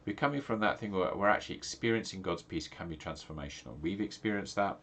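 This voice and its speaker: Talking fast in a low, slightly bright voice, a middle-aged English pastor addresses the camera casually over a faint hiss or hum. His voice is nasal and congested, and he rambles with frequent fillers and false starts.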